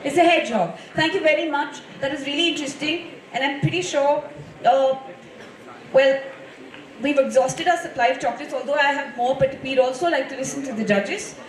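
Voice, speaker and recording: A woman with a high voice hosts a school event, speaking politely and formally to the audience. Her voice echoes around the room and sounds picked up from a distance. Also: fairly quick. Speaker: event host quizzing schoolchildren. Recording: roomy hall sound, distant microphone.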